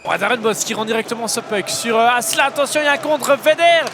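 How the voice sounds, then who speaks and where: High-pitched hockey commentator, excitable man. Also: fast talker. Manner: excitable, shouts out goals. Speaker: ice hockey play-by-play commentator. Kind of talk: live sports commentary with excited goal calls. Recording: crowd noise and music behind commentary. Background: arena crowd and music.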